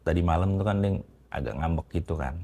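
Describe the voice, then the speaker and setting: Deep-voiced man with halting confessional speech. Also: mellow. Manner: hesitant, halting, many restarts and fillers. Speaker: interviewee telling a personal story. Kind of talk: casual confessional storytelling.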